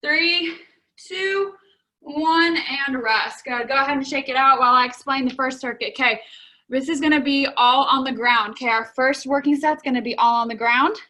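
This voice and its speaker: A woman's voice: sits high, steady tone, a little fast, pushed and bright. A young woman leading a home workout class, cheerfully coaching moves and counting down while slightly out of breath. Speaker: fitness instructor. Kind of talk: guided workout instruction. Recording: echoey room.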